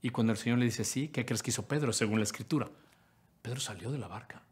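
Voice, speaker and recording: A male pastor preaching a sermon. He speaks straight to the listener with questions and swings from loud, lively lines to hushed ones. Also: medium pitch, fast talker, husky. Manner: dramatic, acts out quotes in swings from loud to hushed; addresses listener directly with questions.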